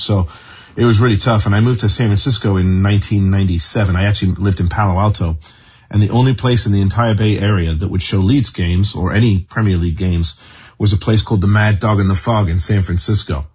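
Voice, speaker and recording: A man's voice: fairly low pitch, a little mellow, breathy edge, lo-fi sound. An enthusiastic man in his fifties from northern England with an English accent, talking about his supporters club in an interview. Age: 50s. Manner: enthusiastic, rapid and chatty. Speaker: football supporters club member. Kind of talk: interview answers.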